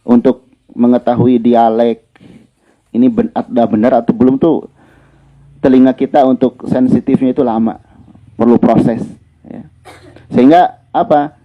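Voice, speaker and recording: A man's voice: mid-range voice, steady tone, a little slow, pauses often. A male Quran recitation teacher gives a religious lesson in a conversational way, repeating his key points. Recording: dull lo-fi lecture recording.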